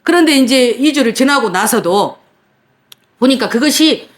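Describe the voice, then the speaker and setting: A woman pastor preaching, telling a personal story in a lively, dramatic way, acting out her own past cries and protests. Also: high-pitched, normal speed. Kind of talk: sermon with personal testimony.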